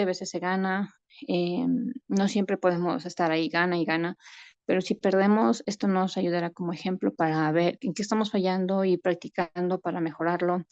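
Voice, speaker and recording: A mother explains patiently in a lowish voice, full of small fillers. Her sound comes through a video call that is muffled and close, with no room echo. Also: a little mellow. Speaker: mother sharing in a parents' discussion group. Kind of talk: casual conversational talk.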